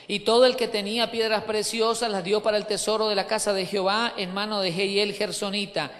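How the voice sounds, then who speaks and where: A man's voice: high voice, level tone, brisk, fairly bright tone. A man preaching a sermon as pastor to his church, emphatic, repeating key words and asking the congregation questions. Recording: long hall reverb.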